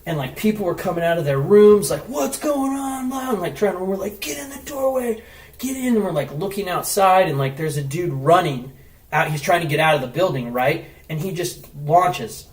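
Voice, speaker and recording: A man's voice: fairly high pitch, fairly quick, far from the mic. A man, a podcast guest, telling a story in casual, loose chat, full of "like" and swearing. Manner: animated, loose, lots of "like" and swearing. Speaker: podcast guest, travel blogger. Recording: roomy echo, off-mic, faint hiss.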